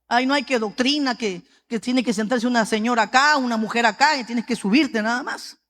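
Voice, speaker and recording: A woman's voice: a little high, fairly quick. Peruvian woman preaching in a reverberant hall. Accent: Peruvian Spanish. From Peru. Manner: lively storytelling, often calling out "brother" to the congregation. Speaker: pastor. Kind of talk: sermon with personal testimony.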